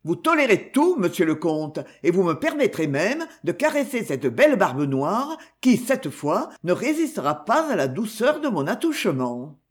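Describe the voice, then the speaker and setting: A man's voice: high voice, big pitch swings, normal speed, hardly any pauses. A man voicing a suave, ironic male detective in an audiobook reading, speaking in a self-assured, mocking way.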